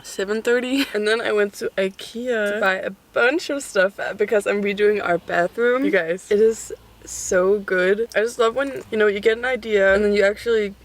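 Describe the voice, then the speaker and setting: A young woman chats through a casual eating vlog, giggling often and swearing freely. She talks at an ordinary, middle pitch, near a road where cars pass. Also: steady tone, normal speed. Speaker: vlogger. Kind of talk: casual mukbang chat.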